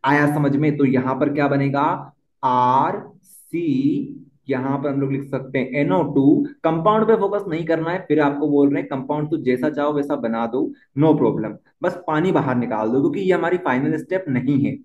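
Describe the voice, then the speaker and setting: A man's voice: a little high, normal speed. Man teaching chemistry. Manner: repeats key points, asks questions to the class. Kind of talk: board-exam lesson at a whiteboard. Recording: dull, echoey room.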